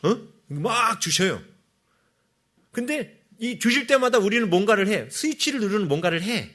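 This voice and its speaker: A man's voice: high-pitched, sing-song, moderate pace, a bit bright. A male pastor giving a sermon, asking the congregation questions and answering them himself.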